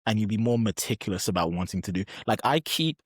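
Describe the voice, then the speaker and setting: A man's voice: lowish voice, expressive, fast talker, breathy edge, no echo, studio quality. A young adult man chatting as a podcast guest, enthusiastic and emphatic, with frequent restarts. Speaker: podcast guest, pro bodybuilder. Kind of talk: casual podcast chat.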